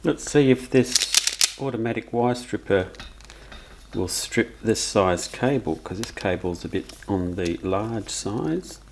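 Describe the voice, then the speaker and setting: A lowish-voiced man with an Australian accent talks through a do-it-yourself wiring job at a car's engine bay. His relaxed delivery sounds like thinking aloud as he works. A steady noise sits clearly behind him. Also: slow. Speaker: DIY car vlogger. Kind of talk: casual how-to narration.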